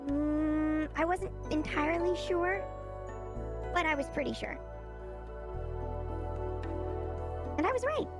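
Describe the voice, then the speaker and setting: A woman game master voicing a bubbly, eager young woman through a pitch-raising voice changer, chatty and giggly. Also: normal speed, over music. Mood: smug. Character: bubbly young woman who studies the heroes. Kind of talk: tabletop game roleplay.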